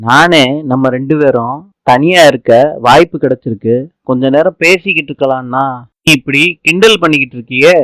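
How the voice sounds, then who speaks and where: A man voicing a shy, affectionate young husband in a serial recap narration, speaking gently and pleadingly. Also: medium pitch, a little fast, no echo, lightly acted.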